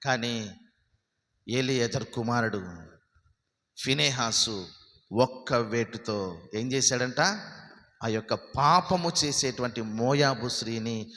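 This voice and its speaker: A man preaching a sermon as pastor, asking his listeners question after question and swinging between loud emphatic peaks and low, soft lines. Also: measured pace, pauses often, big-room sound. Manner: preaching with many rhetorical questions. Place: church hall.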